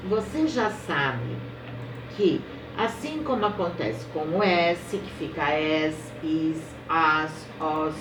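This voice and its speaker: A Brazilian Portuguese woman teaching young children, patiently dictating words one by one and checking in often. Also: medium pitch. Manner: slow, drawn-out word-by-word dictation; patient, explains step by step and checks in with "tá?". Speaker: primary school teacher. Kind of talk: recorded remote lesson for young children. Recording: roomy, a little distant, faint noise.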